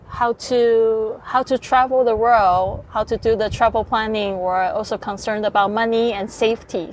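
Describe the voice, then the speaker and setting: Woman host, second-language English, friendly and halting; faint background hum. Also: mid-range voice. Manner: friendly, with hesitant restarts. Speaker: podcast host. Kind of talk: podcast interview. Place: art studio in Bali.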